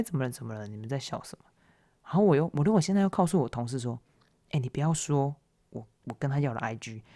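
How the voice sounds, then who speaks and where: A young man, hosting a podcast and retelling awkward moments in a casual, animated, self-mocking way. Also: fairly high pitch. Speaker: podcast host. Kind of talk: casual solo storytelling.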